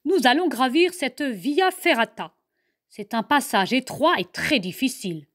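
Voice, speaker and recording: Mom voicing a steady ibex guide, firm and careful, storybook. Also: female voice, sits high, a little slow, full character voice.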